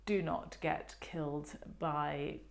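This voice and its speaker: A woman's voice: low voice, steady tone, takes it slowly, gravelly. A middle-aged woman giving a chatty, meandering online art history talk, full of ums and playful asides.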